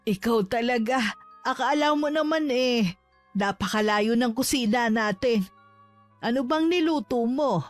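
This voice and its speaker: A woman's voice: on the high side, a little slow, no room sound, lightly acted. A woman voicing a loving mother who is tender with her son and fierce toward those who threaten him. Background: faint music.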